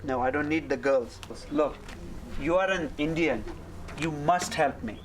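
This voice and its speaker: Actor as stubborn middle-aged doctor, exasperated, insistent, slightly high voice. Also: male voice, a little slow, a little hiss or hum, natural voice, low-quality recording. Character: middle-aged Indian doctor, frustrated would-be film producer. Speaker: doctor and aspiring filmmaker.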